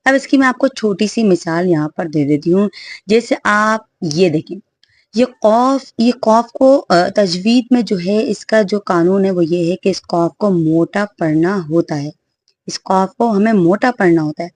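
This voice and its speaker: A woman's voice: medium pitch, a little mellow, no room sound. Earnest woman teaching Quran recitation. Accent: Pakistani Urdu. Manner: earnest, repetitive teaching with many fillers. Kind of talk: online religious lesson.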